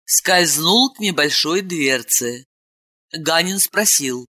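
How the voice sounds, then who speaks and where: A woman narrating an audiobook fantasy story with slow, expressive storytelling. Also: low voice. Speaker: audiobook reader. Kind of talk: scripted narration.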